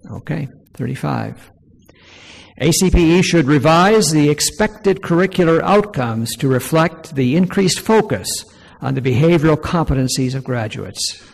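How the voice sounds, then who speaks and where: A man presenting poll results to an audience, reading each item aloud more loudly and slowly. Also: on the high side, expressive, creaky. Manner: reads each item aloud louder and slower. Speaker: presenter leading a workshop poll. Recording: long hall reverb.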